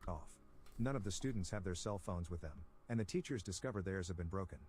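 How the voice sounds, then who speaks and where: A man reading a scripted plot recap in a brisk, even storytelling manner. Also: low voice, a little hiss or hum. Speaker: recap narrator.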